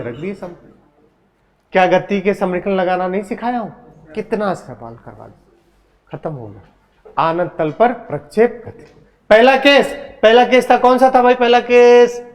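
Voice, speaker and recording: A man teaching a physics class, who teases his students and keeps asking them questions. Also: high-pitched. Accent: Hindi. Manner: teasing, asks the class questions. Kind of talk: classroom lecture.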